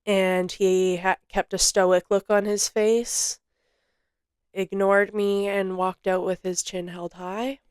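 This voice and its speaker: A young woman podcaster tells a personal story slowly and haltingly, often restarting her sentences as emotion rises. Her voice comes through smooth and clear, recorded close and dry with no room sound. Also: medium pitch, flat delivery, a little mellow, no echo. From Canada. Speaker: podcast host.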